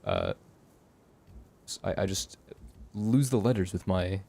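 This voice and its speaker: A man's voice: deep voice, wildly swooping pitch, slow, vocal fry, a little mellow, husky. A man with an American West Coast accent giving casual, unscripted gameplay commentary, thinking aloud in a hesitant, rambling way. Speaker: gaming host doing a playthrough.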